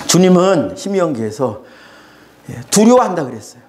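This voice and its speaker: High-voiced earnest male pastor. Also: sing-song, normal speed, a little mellow, a little hiss or hum. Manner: earnest preaching, acts out quoted voices in a sighing or mocking tone. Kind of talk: Sunday sermon.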